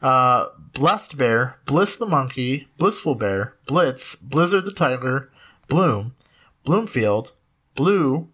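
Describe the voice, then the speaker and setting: A man's voice: medium pitch, big pitch swings, slow pace, fairly bright tone, breathy edge. A man co-hosting a casual podcast, rattling off a long list of names between laughs. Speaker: podcast co-host.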